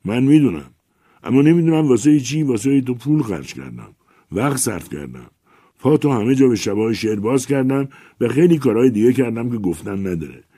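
A man voicing an indignant older male writer who complains loudly and insistently. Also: fairly low pitch, lively intonation, no room sound, clean studio sound, voice pushed up. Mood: aggrieved.

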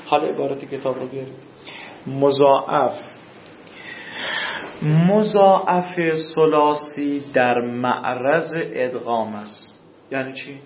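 A male teacher giving a classroom grammar lesson, explaining slowly and repeating rules, with questions for his students. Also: mid-range voice, echoey room, highs cut off, slight background noise.

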